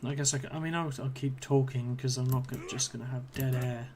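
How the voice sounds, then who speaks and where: This man, mid-range in pitch, steady and fairly quick with a darkish tone, rambles casually while streaming a game at his computer in a room at home. Hesitant and filler-heavy, he trails off mid-sentence, and hours of talk have slightly strained his voice. Slight background noise is present.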